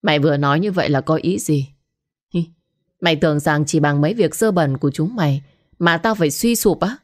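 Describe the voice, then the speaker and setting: A woman's voice: deep voice, brisk. A woman narrating a dramatic story in first person, with scornful, cutting retorts. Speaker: audiobook narrator.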